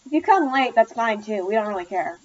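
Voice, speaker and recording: A woman reading the lines of a blunt, lazy male fast-food manager, in an offhand way. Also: a little high, lively intonation, dull audio.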